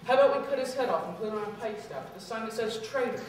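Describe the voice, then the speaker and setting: A man's voice: high voice, lively intonation, very fast. A man playing a blustering, stingy, oblivious king in a comic stage play for children. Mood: commanding. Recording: very echoey hall from far off, faint noise.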